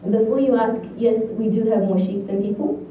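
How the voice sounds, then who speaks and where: A woman in her thirties, born in China and from New Zealand with a New Zealand accent, delivers a prepared graduation speech as student valedictorian. Her voice is fairly high and brisk, recorded distant in an echoey hall with thin lo-fi sound and faint noise.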